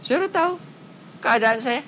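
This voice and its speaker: Woman preacher, colloquial sermon, lively swooping pitch, dull lo-fi cassette sound, faint low rumble. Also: normal speed. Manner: animated, with big swings between loud high exclamations and low quiet asides; speaks in plain everyday phrasing, often addressing listeners directly.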